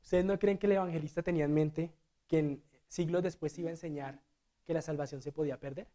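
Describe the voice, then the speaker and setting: A man preaching a sermon as a deacon in a church. He swings between loud and hushed delivery and acts out the quotes. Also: a little high, fairly even intonation, quick pace.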